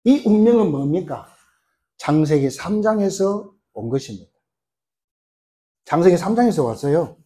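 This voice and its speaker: A middle-aged male pastor preaching a sermon in a lively way, throwing rhetorical questions at the congregation and acting out quoted lines. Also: a little high, normal speed, long pauses.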